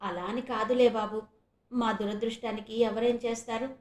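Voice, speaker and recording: A woman's voice: fairly high pitch, flat delivery, normal speed, darkish tone, echoey room, natural voice. A woman voicing a weary middle-aged mother who laments her son's ways. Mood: sorrowful. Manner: sorrowful, lamenting.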